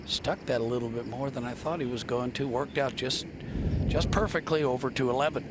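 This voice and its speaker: A man's voice: mid-range voice, a little fast, very noisy. A man giving live golf commentary on a tournament broadcast.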